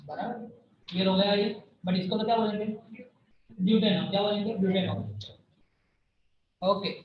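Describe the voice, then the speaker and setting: Male chemistry teacher, high voice, quizzing his class, echoey distant classroom recording with a phone-like sound. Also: fairly even intonation, normal speed. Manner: asks students questions, repeats and scolds. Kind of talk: classroom lecture.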